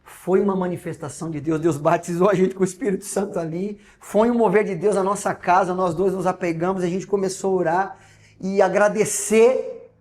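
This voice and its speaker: Speaking briskly in a high-pitched, steady voice, a Brazilian Portuguese-accented pastor shares his personal testimony during an interview. He acts out the dialogue, moving between loud and hushed delivery.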